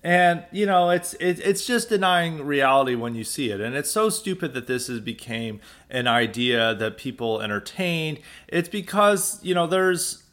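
A man's voice: fairly high pitch, lively intonation, normal speed, hardly any pauses, fairly bright tone. An American man hosting a solo commentary podcast, talking loosely and conversationally, often exasperated and sarcastic. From United States. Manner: sarcastic, exasperated, with mocking quoted voices; loose, conversational, with frequent restarts. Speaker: podcast host.

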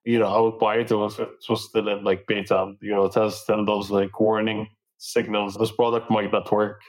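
A man's voice: on the low side, gravelly, low-quality recording. A young man from Dubai, a startup founder, casually telling his story in an interview, loose and full of fillers. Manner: relaxed, with many fillers like "like" and "you know".

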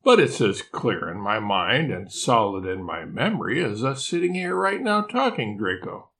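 A man's voice: lowish voice, very animated, normal speed, gravelly, fairly bright tone, exaggerated voice. An older man voicing a drowsy, confused male koala who pleads in rising questions in a storybook. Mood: insistent bewildered.

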